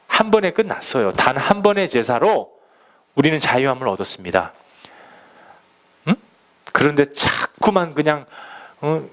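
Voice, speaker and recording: A middle-aged male pastor preaching a conversational sermon, acting out prayers and quotes with sudden loud bursts. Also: fairly high pitch.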